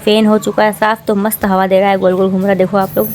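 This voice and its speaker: A woman's voice: medium pitch, flat delivery, quick pace, a little mellow, a little hiss or hum. A young woman chatting casually through a home vlog in her small rented room, talking in a rambling, friendly way and mixing in English words, recorded on a phone camera. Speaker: vlogger.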